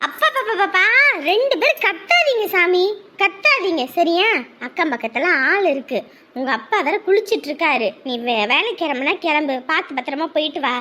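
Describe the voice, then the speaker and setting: A weary mother calming her bickering sons, played by a woman. Her voice sits high, with a gentle scolding manner. This is family comedy sketch acting. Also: fast. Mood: pleading. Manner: soothing, scolding.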